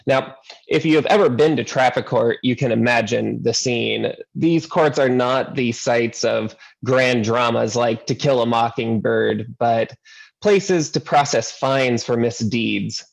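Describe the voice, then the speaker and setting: Guy giving a sermon, earnest storyteller, gravelly, trips on first words a bit. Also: medium pitch, unhurried, poor audio. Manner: earnest storytelling, repeats words when starting. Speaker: seminary intern preacher.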